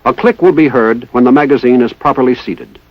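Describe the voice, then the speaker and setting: In a mid-range voice and at a fairly quick pace, an American man reads formal, methodical instructional narration styled after a 1960s military training film, enunciating precisely. The recording is dry, with the dull lo-fi sound of a 1960s film soundtrack.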